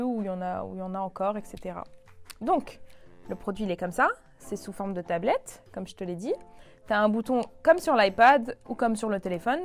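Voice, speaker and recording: A young woman chats to her viewers as she shows off a toy, stopping and restarting her sentences with plenty of fillers. Her voice sits at a middle pitch. Soft music plays faintly underneath. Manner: chatty, lots of fillers and restarts. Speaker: toy review YouTuber. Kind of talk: casual presenting to the camera.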